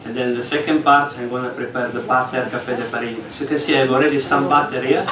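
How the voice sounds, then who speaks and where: Speaking fast in a level, mid-range voice, a man working as executive chef explains a live cooking demonstration step by step in slightly broken English. He is on stage before an audience in a large hall aboard a ship. Crowd noise fills the echoey space, recorded from a distance.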